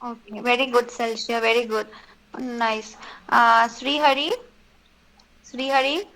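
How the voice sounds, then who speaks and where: Woman, teacher, online class, higher voice, calls names, praises answers. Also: steady tone, unhurried, fairly bright tone, rough recording. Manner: encouraging, calls names and repeats prompts. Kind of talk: online class drilling students.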